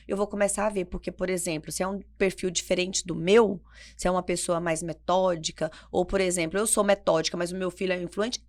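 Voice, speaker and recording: Lively woman on a podcast mic, bit of vocal fry, punchy and emphatic. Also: medium pitch. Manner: energetic, emphatic, explains with everyday examples. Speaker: family behavior consultant and podcast co-host. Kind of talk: conversational podcast talk.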